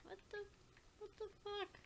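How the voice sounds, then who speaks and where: A woman's voice: a little slow, fairly bright tone. A woman casually chatting while playing a visual novel, blunt and swearing often. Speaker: let's play co-host. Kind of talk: casual gameplay chat.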